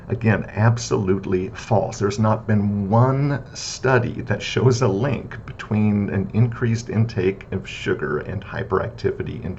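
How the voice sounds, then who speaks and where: Man teaching a philosophy class, conversational, filler-heavy delivery, low pitch, faint background rumble. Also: darkish tone. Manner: conversational, frequent "right?" and "uh" fillers; repetitive list-like debunking of myths. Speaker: philosophy lecturer. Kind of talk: casual recorded lecture. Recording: slightly dull lo-fi audio with faint rumble.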